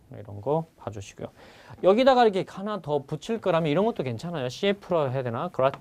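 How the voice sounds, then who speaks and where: A man teaching an exam-prep vocabulary lecture who keeps asking his students questions and repeats each key word. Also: on the high side.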